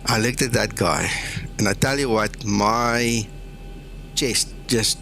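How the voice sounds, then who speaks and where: A man's voice: on the low side, slow, vocal fry, fairly bright tone, slight background noise. A man from South Africa with an Afrikaans accent, chatting casually as the host of a flight sim livestream.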